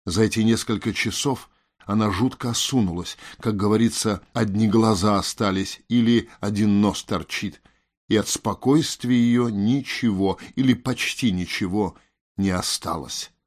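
A man reading an audiobook in a measured, slightly wry manner. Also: lowish voice. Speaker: audiobook narrator. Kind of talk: audiobook narration.

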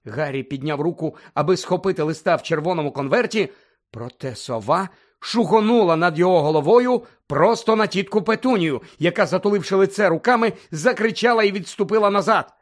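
A man narrating an audiobook in a dramatic, expressive reading style. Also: high voice, a little fast. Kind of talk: scripted narration.

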